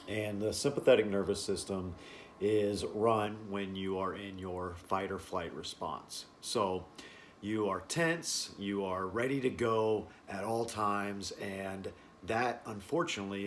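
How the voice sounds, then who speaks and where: A man teaching a wellness class informally, explaining in short phrases with halting pauses. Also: fairly low pitch, a little hiss or hum. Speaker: breathing and stress-relief class instructor.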